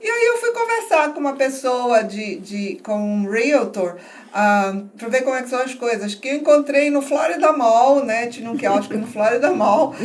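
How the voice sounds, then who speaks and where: A woman's voice: fairly high pitch, animated, normal speed, slight background noise. A middle-aged woman from northern Brazil with a faint Pará accent, chatting as a guest in an interview and laughing often as she tells her story. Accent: faint Pará Brazilian Portuguese, softened by years abroad. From Belém do Pará, Brazil. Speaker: guest entrepreneur. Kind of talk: casual interview conversation.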